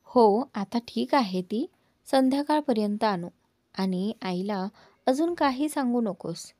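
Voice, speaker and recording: A woman doing a calm middle-aged lady, slow and measured, dry close sound. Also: fairly high pitch, no room sound.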